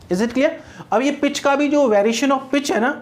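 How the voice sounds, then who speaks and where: A man's voice: very high-pitched, unhurried. Indian man teaching phonetics patiently. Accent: Indian English. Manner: explains patiently with checking asides and repetition. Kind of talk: exam-prep lecture in Hindi mixed with English.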